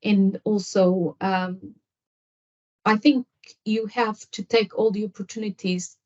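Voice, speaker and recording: This slow, steady woman's voice has a medium pitch and a somewhat dark tone. She's a nurse from Angola, a native Portuguese speaker, giving long answers full of fillers and restarts as a podcast guest. The recording is lo-fi and a touch dull.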